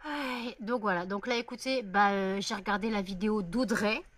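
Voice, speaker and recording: A woman's voice: medium pitch, moderate pace, a bit bright. A woman chatting casually in a home vlog, rambling with many fillers and self-corrections. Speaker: vlogger. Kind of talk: casual daily vlog chat.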